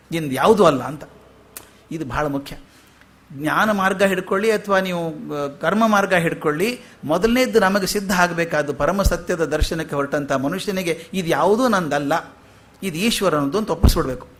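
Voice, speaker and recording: A man with a fairly high voice delivers a spiritual discourse. He talks to his listeners in a lively, storytelling way, asking rhetorical questions and slipping in humorous asides. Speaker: spiritual lecturer. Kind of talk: philosophical discourse to an audience.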